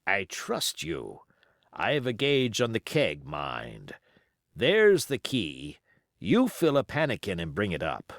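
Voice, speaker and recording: In a heavily acted turn as a crafty, commanding pirate sea cook from an adventure storybook, a man speaks slowly, weighing his words in folksy sailor grammar and sounding coaxing. His fairly bright voice carries vocal fry and huge pitch swings. The recording is close and dry, without echo.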